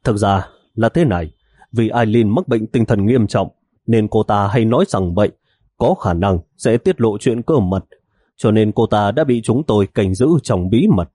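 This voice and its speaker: A man's voice: on the low side, normal speed, warm tone, husky, no echo, studio quality. A man voicing a blunt middle-aged intelligence officer who speaks plainly. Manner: plain, matter-of-fact.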